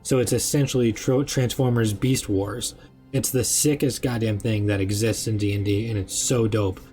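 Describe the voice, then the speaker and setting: A young man who runs tabletop games, chatting casually on a stream with lots of fillers and excited asides. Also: on the low side, moderate pace, faint music behind. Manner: rambling, filler-heavy, excitable. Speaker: game master. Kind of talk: casual chat on a live stream.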